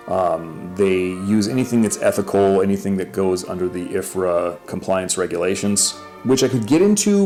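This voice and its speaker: Low-voiced chatty man reviewing fragrances. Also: a little mellow. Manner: chatty, self-correcting, upbeat. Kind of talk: casual review to camera.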